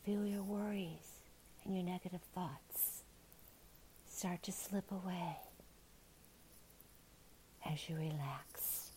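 A woman softly whispering a slow, soothing guided relaxation in ASMR style. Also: lowish voice, a little hiss or hum, poor audio.

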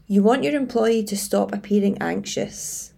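A woman giving scripted advice as a coach, in a tidy, structured and measured way. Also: mid-range voice, vocal fry, mellow. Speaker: leadership coach and presenter. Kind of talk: scripted advice presentation to camera.

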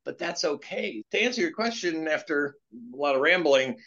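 A man's voice: on the high side, expressive, moderate pace, a bit bright, dull audio. A man in his late fifties, a guest entrepreneur, talking in a casual interview in an earnest, rambling way and telling stories with animation. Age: 50s.

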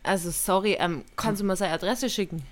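A woman's voice: mid-range voice, a little hiss or hum. A woman with a German accent co-hosting a podcast, reacting and joking in casual chat. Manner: bright reacting listener, quick jokey comments. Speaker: podcast co-host.

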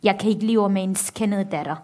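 A woman reading the lines of an enraged father shouting about his honor. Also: mid-range voice, close to an everyday voice.

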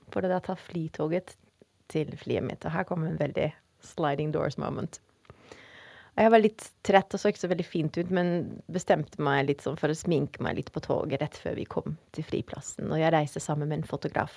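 A woman's voice: lowish voice, gravelly, husky, no room sound. A woman guest telling a personal story in a casual interview, acting out what people said, with fillers along the way. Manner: animated storyteller acting out quotes; frequent fillers and laughter.

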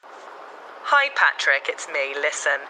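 A woman's voice: deep voice, slow pace, noisy background, full character voice. An actress playing a furious, sarcastic woman who leaves a voicemail heard over a landline phone. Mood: icy sarcasm. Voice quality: biting, mock-calm sarcasm. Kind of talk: scripted audio comedy.

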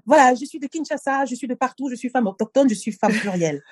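A Cameroonian-born woman who recites her own poem in a steady rhythm, then talks earnestly and reflectively, often pausing to find her words. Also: high-pitched, husky, dry recording. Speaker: poet and guest. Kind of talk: poetry reading then conversation.

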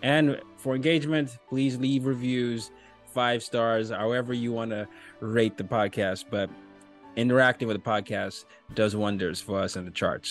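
Animated man hosting a podcast. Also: medium pitch. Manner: enthusiastic, animated delivery with big swings in loudness. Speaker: podcast host. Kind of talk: podcast intro and interview.

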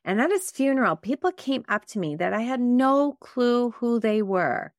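A middle-aged woman from Canada hosts a podcast, talking in a chatty, warm and reflective way. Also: a little high, lively intonation, moderate pace, dry recording, studio quality. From Montreal, Canada. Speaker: podcast host. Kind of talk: casual solo podcast talk.

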